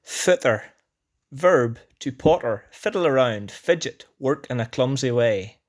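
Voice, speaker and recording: Presenting a word list as a language teacher, a Northern Irish man reads an educational script with a measured, dictionary-style delivery of definitions and examples. His mid-range voice sounds animated.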